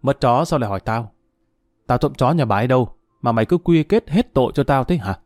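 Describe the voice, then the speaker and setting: A man voicing a hot-tempered ex-convict husband who shouts and curses roughly. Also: medium pitch, animated, fast talker, dry recording, studio quality, close to an everyday voice. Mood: angry.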